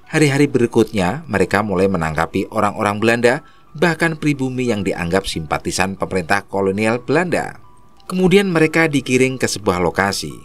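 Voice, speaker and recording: A man narrating a horror story in a steady storytelling manner. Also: on the low side.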